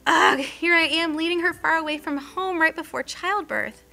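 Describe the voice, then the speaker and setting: Brief: devoted young husband on a hard journey, earnest and prayerful; a woman narrator reads him in a high, bright voice. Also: normal speed, vocal fry, exaggerated voice. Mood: anxious prayer. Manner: earnest, prayerful inner monologue. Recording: faint music underneath.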